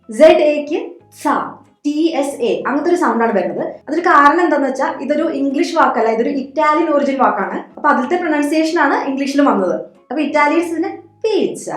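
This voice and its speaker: A woman teaching English pronunciation, patiently repeating each word slowly. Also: high-pitched, reverberant. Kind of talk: Malayalam-language English pronunciation lesson.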